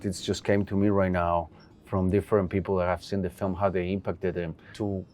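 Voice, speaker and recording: A man's voice: deep voice, level tone, a little fast, a little mellow, a little hiss or hum. A man in a casual interview, earnestly telling stories about making a film. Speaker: film director guest.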